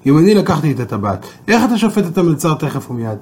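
A wise old sage answers a king calmly and patiently, his voice low and husky, as a man tells the story. His reproof is gentle and measured.

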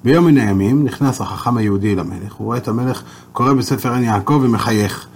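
A man with a husky, slightly breathy voice teaches a Torah lesson. He explains sources and tells a long tale at an even storytelling pace. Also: medium pitch.

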